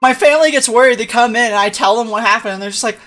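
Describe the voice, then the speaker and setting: A woman's voice: on the high side, racing, a bit bright, soft background music. A young adult woman telling a rambling story on a live stream, often tagging "right?" and restarting sentences. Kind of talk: casual storytelling chat.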